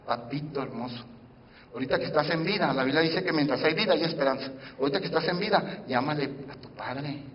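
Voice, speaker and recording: A man preaching from the pulpit of a church sanctuary, his raised, fairly high voice ringing out in a long, lingering reverb. He swings from loud, driving emphasis to quiet, hushed asides and keeps calling out questions to the congregation. The recording is dull and muffled. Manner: addresses the congregation directly with questions. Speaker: pastor. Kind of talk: sermon.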